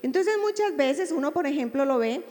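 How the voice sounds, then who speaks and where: A woman's voice: high voice, lively intonation, normal speed, warm tone, long reverb tail. A woman psychologist giving a public lecture on grief, speaking expressively and checking in with her audience through rhetorical questions.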